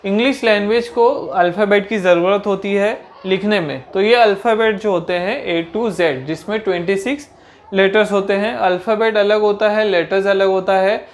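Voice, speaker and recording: A woman teaches a grammar lesson in a mid-pitched voice. She keeps asking her own questions and answering them right away. She slows down carefully whenever she gives a definition.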